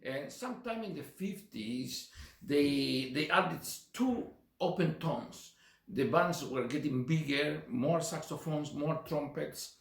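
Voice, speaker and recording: On the high side and creaky, his voice carries lively intonation as he takes things slowly. The middle-aged Chilean man, with a Chilean Spanish accent, gives an easygoing drum lesson full of fillers and counted beats, recorded in an echoey space with faint noise.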